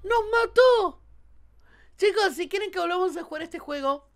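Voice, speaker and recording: A woman with an Argentine accent, a gaming YouTuber doing let's play commentary, excitable, often shrieking and laughing, with a sore throat. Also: very high-pitched, quick pace, vocal fry. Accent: Argentine Spanish.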